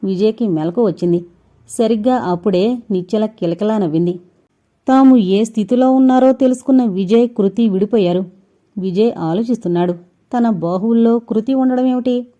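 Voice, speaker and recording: A woman narrating a suspense audio novel with steady, suspense-building storytelling. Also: medium pitch, moderate pace. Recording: dull lo-fi recording.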